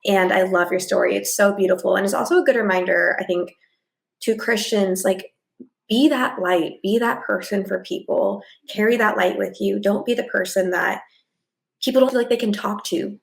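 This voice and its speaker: Young woman, podcast host, vocal fry, earnest casual chat. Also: mid-range voice, moderate pace.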